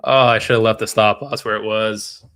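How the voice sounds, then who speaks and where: A man's voice: fairly low pitch, steady tone, normal speed, fairly bright tone. A man trading live on a stream, reading out viewer comments and venting when trades go against him. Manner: frustrated, talks to chat while reading comments. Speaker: livestream trader.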